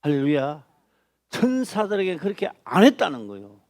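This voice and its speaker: A man's voice: on the high side, huge pitch swings, normal speed, dry recording, clean studio sound. Emphatic male pastor preaching. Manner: emphatic, repetitive, bursts of loud stress. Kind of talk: sermon. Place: church.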